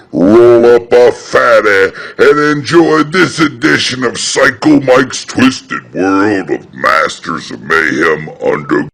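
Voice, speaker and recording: A man with a rough, gravelly voice reading hyped promo announcements. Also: mid-range voice, fairly bright tone, no room sound.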